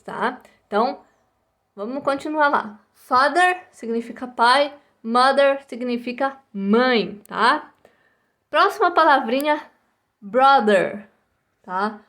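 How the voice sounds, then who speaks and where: A Brazilian woman teaching English to young children, patiently repeating each word and ending almost every phrase with a checking "tá?" or "né?". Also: a little high. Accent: Brazilian Portuguese. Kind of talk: recorded online English lesson for first graders.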